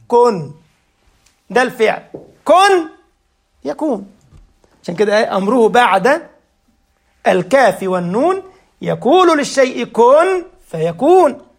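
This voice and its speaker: High-voiced Egyptian preacher. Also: male voice. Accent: Egyptian Arabic. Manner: animated, rhetorical questions to the audience; slow, drawn-out recitation of verses. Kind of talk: religious lesson with Quran recitation.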